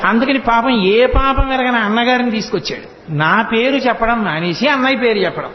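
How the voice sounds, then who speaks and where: A man's voice: extremely high pitch, brisk, a little hiss or hum. A man giving a devotional storytelling discourse, acting out the characters' voices and chanting verses. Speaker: religious discourse speaker. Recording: echoey hall, dull lo-fi sound.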